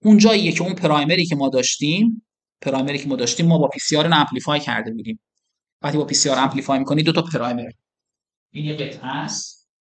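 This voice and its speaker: A middle-aged man giving a classroom lecture, explaining step by step and asking his students questions as he demonstrates on screen. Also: on the high side. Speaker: university lecturer.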